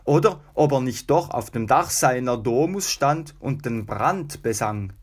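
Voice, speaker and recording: A man's voice: mid-range voice, animated, unhurried. A man voicing an outspoken middle-aged Roman guard tribune, speaking with raised emphasis.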